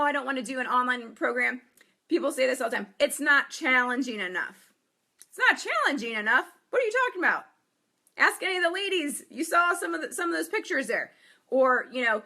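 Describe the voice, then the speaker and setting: A woman fitness coach giving an upbeat promotional pitch, repeating herself and checking in with "okay?". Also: pushed and bright. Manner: repetitive, upbeat, emphatic with frequent "okay?". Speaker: fitness coach and gym owner.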